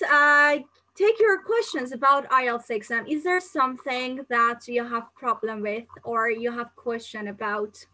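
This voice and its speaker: Woman from Singapore, live-stream English exam tutor; chatty, filler-heavy delivery, bright and fairly high-pitched. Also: poor audio. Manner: chatty, reads viewer questions aloud and answers them; frequent fillers and restarts, non-native phrasing. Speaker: English teacher.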